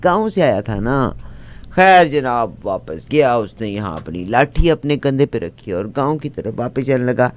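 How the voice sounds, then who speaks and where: A man whose Punjabi-accented voice sits at medium pitch and measured pace portrays a chatty middle-aged woman. She tells a comic folk tale with animated narration, returning again and again to chant its funny lines.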